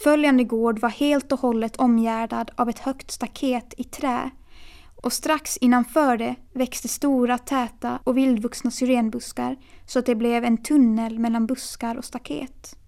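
Woman, audiobook narrator, steady quiet telling, monotone, creaky. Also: on the high side. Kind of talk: audiobook reading.

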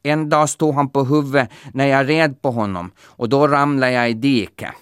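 A man's voice: mid-range voice, fairly even intonation, smooth, no room sound, studio quality, voice pushed up, close to an everyday voice. A man voicing a fussy, grumbling king in a children's folktale. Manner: fussy, complaining.

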